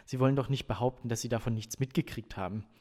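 A man's voice: medium pitch, fast, darkish tone, in a large hall, lightly acted. A man reading aloud, voicing an indignant teenage boy who insists on his point.

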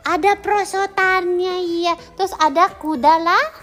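A woman's voice: very high-pitched, steady tone, unhurried, fairly bright tone, faint music behind. A woman, a mother, chatting casually and playfully quizzing her small child. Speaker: mother interviewing her toddler. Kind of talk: casual family chat.

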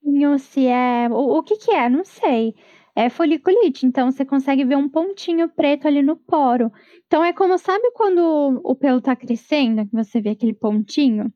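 A woman with a Brazilian Portuguese accent, talking casually on a podcast with expressive, exclamatory reactions. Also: high-pitched, moderate pace, dry recording. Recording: dull dry lo-fi mic.

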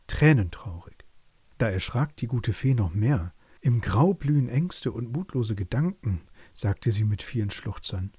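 Husky-voiced man reading a bedtime story. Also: lowish voice, dark tone, no room sound.

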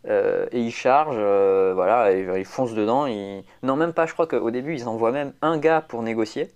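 A man's voice: medium pitch, moderate pace, a little mellow. A man, chatting casually as a podcast co-host, rambling with lots of fillers and restarts. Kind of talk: casual chat.

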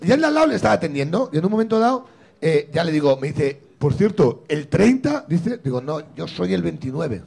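A middle-aged man from Spain hosting a comedy show, telling a story with a gravelly, husky voice and acting out both sides. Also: fairly high pitch, very animated, quick pace, darkish tone. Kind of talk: stand-up style storytelling.

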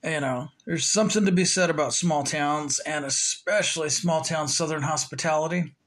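This podcast host speaks at a moderate pace in a fairly high, fairly bright voice. Alone at the mic, he rambles casually and fills his talk with plenty of fillers.

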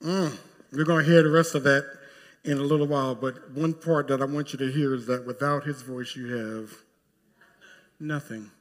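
A man preaching a sermon as pastor, telling a scripture story with emphatic rises to forceful peaks. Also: on the high side, fairly even intonation, a little fast, long reverb tail.

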